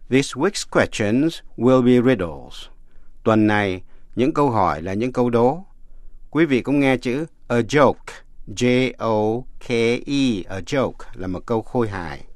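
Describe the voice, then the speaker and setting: Slow, careful male radio teacher. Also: mid-range voice, dry recording, clean studio sound. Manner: slow, careful, spells words out letter by letter. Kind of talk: bilingual scripted radio lesson.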